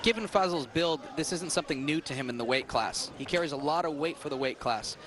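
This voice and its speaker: A man's voice: a little high, fairly quick, a crowd in the background. A man giving live fight analysis as a colour commentator in blunt, punchy phrases.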